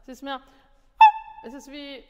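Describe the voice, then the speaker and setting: Woman vocal coach, fairly high voice, animated and repetitive, tired, long reverb of a school room. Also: a little slow, heavy background noise. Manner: animated, repeats words, mixes in English. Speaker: singing teacher. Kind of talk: masterclass coaching.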